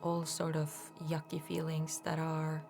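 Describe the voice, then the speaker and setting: Over background music, an energy healer leads a guided meditation, her low-pitched voice completely flat. She speaks softly and slowly in a calming way, letting each phrase end on a breath.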